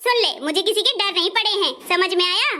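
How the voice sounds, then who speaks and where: A woman playing a loud, scolding older mother-in-law in a comic family skit. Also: extremely high pitch, animated, a little fast, heavily acted. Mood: angry. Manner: scolding, shouting, insulting.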